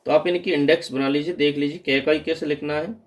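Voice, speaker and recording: A man's voice: a little high, fairly even intonation, quick pace. A man giving an exam-prep grammar lesson, patiently repeating wrong and correct word forms. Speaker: teacher.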